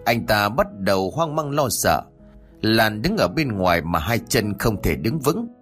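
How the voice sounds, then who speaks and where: A man reads a horror story with a low voice that rises and falls expressively. His delivery is steady and dramatic, with soft music quietly underneath. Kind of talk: scripted narration of a horror story. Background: faint music.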